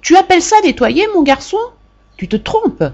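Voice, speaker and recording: A woman reading aloud and voicing a domineering middle-aged mother who scolds in a shrill, indignant way, on a dull lo-fi recording. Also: sing-song, moderate pace, mellow, slightly rough. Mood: scolding.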